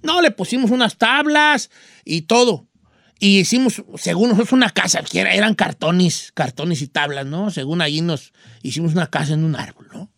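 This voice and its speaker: A man doing Don Cheto, a high folksy old rancher. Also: normal speed, vocal fry, fairly bright tone, no echo, clean studio sound. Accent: Mexican. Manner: rambling, folksy, full of rural slang. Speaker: radio host giving advice. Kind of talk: storytelling and advice on a call-in show.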